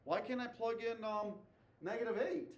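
A man's voice: very high voice, moderate pace, recorded from a distance. Man teaching math in an echoey classroom. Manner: calls out questions and repeats answers, tags "okay?". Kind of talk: classroom lecture with questions to students.

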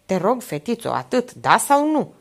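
A woman voicing an older aunt, worldly and smoothly polite, who presses with coaxing, insistent questions in an audiobook reading. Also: on the high side, sing-song, pitched above the performer's own voice. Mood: pressing.

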